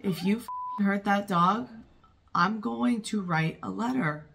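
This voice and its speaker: A woman hosting a movie reaction, talking casually with loud, excitable outbursts and plenty of swearing. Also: medium pitch, takes it slowly, gravelly, noisy background.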